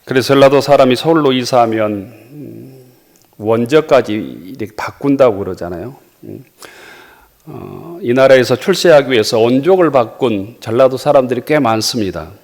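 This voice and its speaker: A man delivering a sermon as pastor, reading scripture verses in a measured way and pausing with small fillers. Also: medium pitch, animated, darkish tone. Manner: frequent hesitation fillers.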